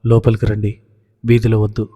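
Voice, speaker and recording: A man reading a calm determined young woman. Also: fairly low pitch, moderate pace, husky, in a large hall, lo-fi sound. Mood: firm. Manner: quiet and steady.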